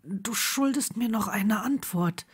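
A woman's voice: medium pitch, takes it slowly. Neville, a woman voicing a murmuring young man. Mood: breathless, insistent. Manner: soft, murmured, partly whispered lines. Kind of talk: audiobook character voicing.

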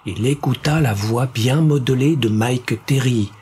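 A man reading a science-fiction thriller aloud in a steady, suspenseful narration. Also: medium pitch, a little slow, slight background noise. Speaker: audiobook narrator. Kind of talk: scripted narration.

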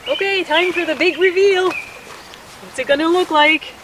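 A woman's voice: extremely high pitch, a little slow, distant mic. A woman chatting playfully while setting up a hammock at a forest campsite, a little nervous and giggly. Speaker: camping companion. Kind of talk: casual chat. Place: forest campsite outdoors in rain. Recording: loud outdoor noise, camera mic.

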